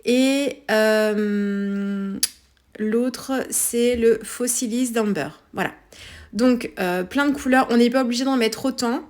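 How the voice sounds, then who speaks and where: A woman with a French accent narrates a scrapbooking tutorial voice-over casually and hesitantly, with lots of fillers and self-corrections. Her fairly high voice is a little mellow, and she takes it slowly.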